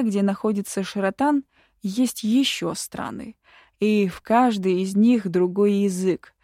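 A woman reads a first-person fantasy audiobook with a mellow, warm tone. Her delivery is calm and even, like a practiced storyteller. The recording is dry and close, with no room sound. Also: medium pitch, dry recording. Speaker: audiobook narrator.

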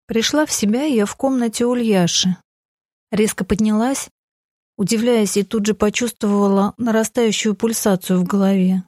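A woman's voice: mid-range voice, a little mellow, dry recording, studio quality. A woman narrating a novel in the first person, with earnest, emotional delivery. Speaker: audiobook narrator.

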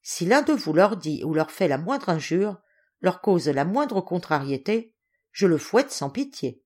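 A woman's voice: lowish voice, very animated, a little slow, darkish tone, breathy edge, exaggerated voice. Woman playing a harsh, scheming noblewoman. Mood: stern. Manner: stern, commanding. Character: harsh, greedy aristocratic mother, stern and threatening.

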